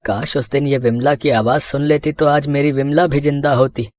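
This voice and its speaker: A woman's voice: on the low side, normal speed, darkish tone, no room sound, pitched below the performer's own voice, lightly acted. A woman voicing a frail old father-in-law in his seventies or so, weary and pleading, in a storybook cartoon. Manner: weary, sorrowful.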